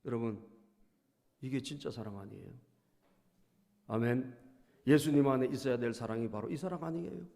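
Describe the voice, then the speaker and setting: A male pastor preaching a sermon, storytelling and often prompting the congregation, dropping to soft asides and rising to loud bursts. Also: mid-range voice, moderate pace, gravelly, long pauses. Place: church sanctuary. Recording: long reverb of a church hall.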